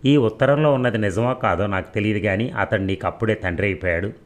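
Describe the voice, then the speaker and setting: Young male avenger, coldly calm and taunting, narrator-voiced. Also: fairly low pitch, quick pace, lightly acted. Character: young vengeful hero, cool and taunting.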